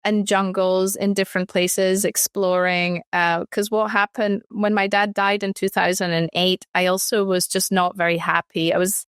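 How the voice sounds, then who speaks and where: A woman's voice: medium pitch, level tone, normal speed, hardly any pauses, a bit bright, clear, resonant tone, no echo, studio quality. A woman in her thirties from Ecuador, speaking reflectively as an interview guest, often restarting her sentences. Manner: reflective, frequent restarts and fillers. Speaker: guest, artist. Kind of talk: conversational interview.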